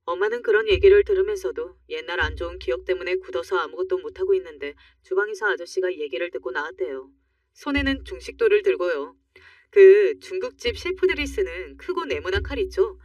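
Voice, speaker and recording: A woman's voice: on the low side, brisk, no echo. Woman narrating a true-life story. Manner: calm, confiding first-person telling. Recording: dry, muffled, slightly distant.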